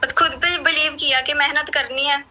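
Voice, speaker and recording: Woman guest answering in short earnest bits, high bright voice. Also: fairly even intonation, moderate pace, a little hiss or hum. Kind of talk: answering interview questions.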